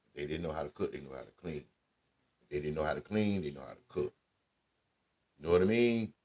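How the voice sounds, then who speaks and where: Man, very low deep voice, husky, laid-back storytelling, casual slang, radio host. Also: animated, quick pace, a little mellow.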